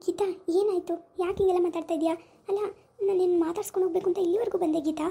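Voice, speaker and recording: A gentle, wronged woman who pleads in hurt, quick questions, as a woman plays her. The voice is very high, soft and dark in tone, and she talks fast. This is an amateur village drama. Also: fairly even intonation, gravelly. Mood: pleading.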